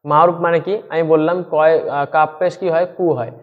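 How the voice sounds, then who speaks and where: A man's voice: on the high side, fairly even intonation, big-room sound, phone-quality sound. Man teaching a Quran reading lesson. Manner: explains step by step with frequent check-in questions; sounds out syllables slowly and drawn out. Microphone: screen-share recording with voice-over.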